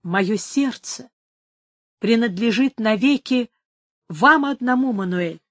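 A young countess torn by love, imploring in a trembling voice, as a woman reader gives her lines. The delivery is slow and fairly high, with a dry close sound. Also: expressive, dry recording. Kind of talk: dramatic audiobook reading.

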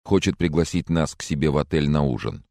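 A man voicing a gloomy, resigned young male student who speaks in a hushed way, in an audiobook thriller. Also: rumbling low, a little fast, vocal fry, no room sound, studio quality. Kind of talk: audiobook character reading.

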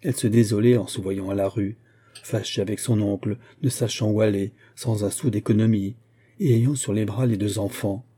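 Dark husky male audiobook narrator. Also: lowish voice, fairly even intonation. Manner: measured, literary. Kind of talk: scripted narration of a classic novel.

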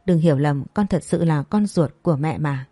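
A woman's voice: low-pitched, moderate pace, warm tone, husky, no echo. A woman voicing an angry, scolding middle-aged mother in a storybook reading. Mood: pleading. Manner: harsh scolding.

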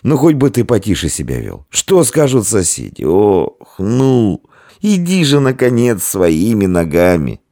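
A man voicing a sly, stocky innkeeper who pleads and frets in a flustered, higher voice in a storybook reading. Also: expressive, normal speed, creaky, few pauses, husky, dry recording, studio quality, heavily acted. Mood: pleading.

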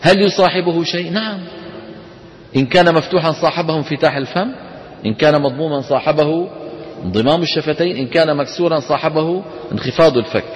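A man's voice: fairly high pitch, fast. Levantine man teaching in an echoing hall. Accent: Levantine Arabic. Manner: asks the class questions and answers them himself; demonstrates letter sounds aloud for students to repeat. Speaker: Quran recitation teacher. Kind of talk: classroom lecture.

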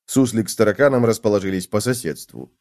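A man narrating a children's storybook in an animated, expressive way. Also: on the low side, fast talker. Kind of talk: storybook reading.

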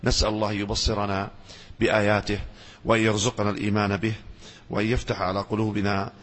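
Husky man lecturing in a reverberant hall. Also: on the low side, little pitch movement, fast talker, a bit bright. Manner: asks the audience questions and answers them himself. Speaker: Islamic scholar lecturing. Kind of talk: religious lecture with Quran recitation.

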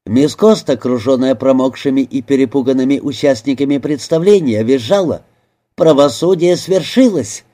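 A male narrator reading a detective audiobook in a measured, expressive storytelling manner. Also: mid-range voice. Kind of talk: scripted narration.

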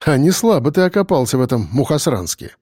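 A man reading an audiobook voices a gruff adult man who teases and bosses a boy around. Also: medium pitch, very animated, fast, darkish tone, no echo, clean studio sound. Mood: teasing. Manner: gruff, mocking, bossy. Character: gruff grown man, teasing and dry-humoured.

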